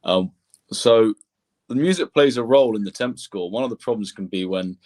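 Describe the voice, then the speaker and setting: The interview guest, a composer and sound engineer, talks at normal speed in a lowish, darkish voice. He gives roundabout explanations, often starting over and repeating himself mid-thought.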